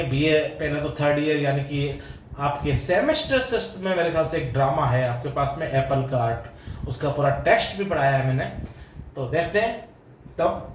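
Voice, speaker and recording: A man with an Indian English accent, an English literature professor giving an exam-prep lecture, patiently explaining and repeating pronunciations. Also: fairly high pitch. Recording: echoey room with faint ambient noise.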